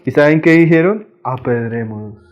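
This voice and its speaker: A male preacher giving a conversational sermon, often tagging his phrases with a friendly aside and swinging from emphatic raised lines to quiet drops. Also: mid-range voice, moderate pace, highs cut off.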